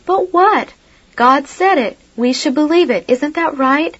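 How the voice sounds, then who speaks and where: A woman reading aloud as an earnest, godly man who shelters orphans, pressing gently with question after question. His voice sits fairly high and comes through a dull, lo-fi recording. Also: lively intonation, unhurried. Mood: persuasive. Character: earnest devout male caretaker of orphans.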